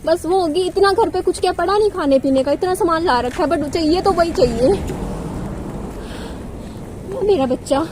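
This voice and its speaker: A young mother gently coaxes and soothes her crying child, repeating short phrases, in a casual home vlog. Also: very high voice, normal speed, long pauses, background noise. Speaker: mother and vlogger.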